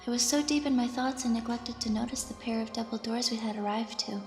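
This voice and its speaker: A woman's voice: fairly high pitch, steady tone, brisk, natural voice. A woman playing an anxious, deferential young squire, hesitant and stammering, narrating her own thoughts in an audio drama. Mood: uneasy wonder. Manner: hesitant, stammering when addressed. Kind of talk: scripted first-person dramatic narration. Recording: roomy, reverberant, music behind.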